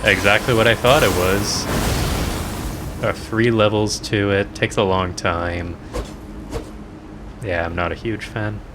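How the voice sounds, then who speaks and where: A man's voice: fairly low pitch, steady tone, measured pace, long pauses, background noise. A man streaming a game, chatting playfully and joking to himself as he plays. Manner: playful, jokey, talking to himself. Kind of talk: casual gameplay commentary.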